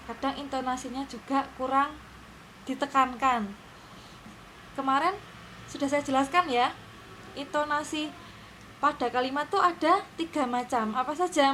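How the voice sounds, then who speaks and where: A woman teacher with a fairly high voice leads her class through the lesson in a patient way, stopping often to check that everyone can follow. Faint noise sits under her voice. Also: sharp tone, poor audio.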